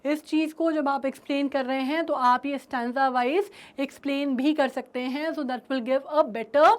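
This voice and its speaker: High-voiced Indian woman teaching a poem. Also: fairly even intonation. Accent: Indian English. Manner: switches between Hindi and English, checks understanding often, reads lines slowly. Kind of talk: classroom-style lesson explaining a poem.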